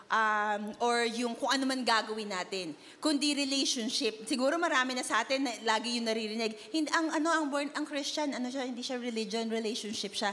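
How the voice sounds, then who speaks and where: A young woman from the Philippines preaches to young people in a relaxed, conversational way. She asks one rhetorical question after another and slips between Filipino and English. Her voice sits high, and a long hall reverb trails behind it. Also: a little fast, few pauses. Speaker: youth worship speaker. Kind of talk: conversational sermon.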